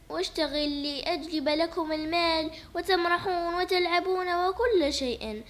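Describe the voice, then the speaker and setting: Woman putting on a weary pleading father. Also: sits high. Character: strict, weary widowed father, middle-aged man. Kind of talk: toy doll play voice acting.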